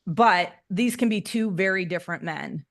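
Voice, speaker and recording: Woman, marketing coach, lowish voice, relaxed and chatty, lots of fillers. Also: normal speed, creaky. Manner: relaxed, filler-heavy explaining. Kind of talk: casual coaching session with screen share.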